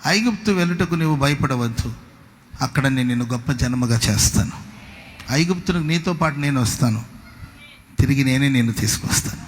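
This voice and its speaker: A man, a pastor preaching a sermon to his congregation with call-and-response, moving between loud exclamations and soft storytelling. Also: mid-range voice, lively intonation, fairly quick, a little hiss or hum.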